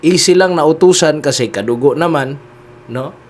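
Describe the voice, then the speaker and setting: Man giving animated political commentary. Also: on the high side, moderate pace. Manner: keeps addressing listeners, heavy "no?" and "di ba?" tags.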